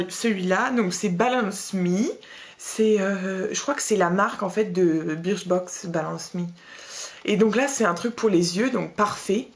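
A young woman vlogging a casual beauty box review, chatty and blunt, with slangy asides and lots of fillers. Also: mid-range voice.

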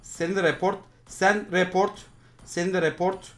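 Man streaming, yelling at teammates. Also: high-pitched, level tone, normal speed. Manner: swings from muttering to furious shouting at teammates; swears and scolds teammates. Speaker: mobile game streamer. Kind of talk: live gameplay commentary.

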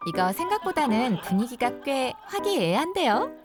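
High, lively female documentary narrator. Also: moderate pace. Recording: studio voice-over under loud music.

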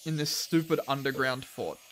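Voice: mid-range voice, moderate pace, rough recording. A gamer giving casual, reactive commentary while playing, swearing and exclaiming at the game as they talk to themselves. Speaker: video game streamer.

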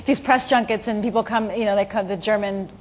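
A woman's voice: mid-range voice, fairly even intonation, a little fast, darkish tone, low-quality recording. A woman chatting as a talk show guest, dry and self-deprecating. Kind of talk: casual chat.

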